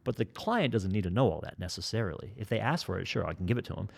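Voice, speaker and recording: Nasal guy in his 40s, kinda low voice, over-explains everything on a podcast. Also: lively intonation, quick pace, creaky. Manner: talkative, over-explaining, joking. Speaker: kettlebell trainer and fitness educator. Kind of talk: casual podcast conversation.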